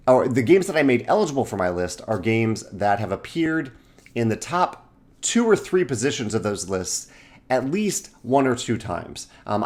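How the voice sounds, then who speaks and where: A man in his forties who hosts a board game channel, talking casually and correcting himself as he rambles through lists of titles. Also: fairly low pitch. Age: 40s. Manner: rambling, self-correcting, listing titles in quick bursts. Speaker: game designer and channel host. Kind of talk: casual video monologue.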